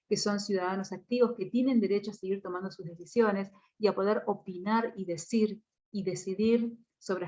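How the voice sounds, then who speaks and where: A woman's voice: medium pitch, a little mellow. Woman lecturing, dull lo-fi sound. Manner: explanatory, frequent tag questions and hesitation fillers. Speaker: course instructor. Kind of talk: recorded online course lecture. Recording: dull lo-fi audio.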